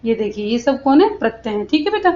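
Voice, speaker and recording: High-voiced woman teaching Sanskrit grammar. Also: very animated, fast talker, darkish tone, muffled recording. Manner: asks questions and answers them herself, drills by repetition; affectionate, addresses pupils as "beta". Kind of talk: online grammar lesson for children.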